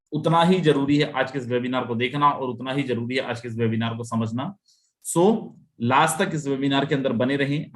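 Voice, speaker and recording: Presenting a live online webinar, a man delivers an emphatic, repetitive sales pitch. Every time he says "my friend," his voice lifts to call out to the audience.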